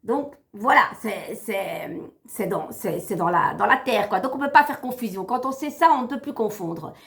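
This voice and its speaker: A woman's voice: mid-range voice, expressive, normal speed, creaky, fairly bright tone. A woman tarot reader talking straight to her viewers in a chatty, theatrical live stream. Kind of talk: live stream card reading.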